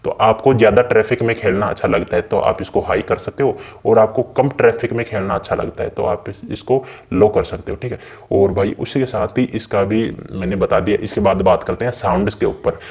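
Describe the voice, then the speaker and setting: A man's voice: lowish voice, brisk, few pauses, a little mellow. A man hosting a gaming channel, casually walking viewers through a game's settings in a chatty way and often calling them brother. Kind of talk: casual game settings walkthrough.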